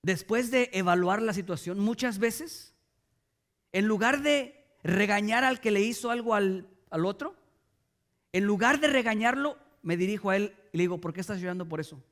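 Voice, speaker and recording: Pastor guy, middle-aged, high voice, chatty sermon w/ questions to the crowd. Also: normal speed, fairly bright tone. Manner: conversational preaching with rhetorical questions to the audience.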